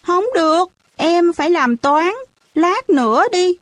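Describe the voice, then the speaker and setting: A woman voicing a naive, sweet little girl who talks in a high, whiny, pleading way. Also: slow pace, no room sound, studio quality.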